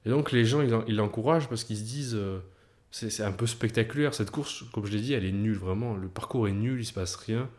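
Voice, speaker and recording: A man's voice: on the low side, fairly quick, darkish tone. A man speaking straight to the viewer in a motivational storytelling monologue, addressing them directly and building tension through repetition. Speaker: video creator.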